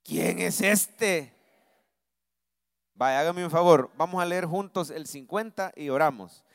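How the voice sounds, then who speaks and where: A man's voice: fairly high pitch, moderate pace, clean tone, dry recording. A man preaching a sermon to his congregation, reading verses aloud and calling on them to respond. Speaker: pastor. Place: church.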